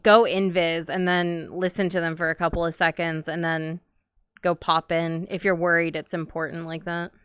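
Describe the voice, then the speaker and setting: A woman streamer chatting casually with her friends and her viewers, excitable and quick to laugh at herself. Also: fairly low pitch, smooth, no room sound. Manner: excitable, self-deprecating, laughs often. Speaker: streamer and roleplayer.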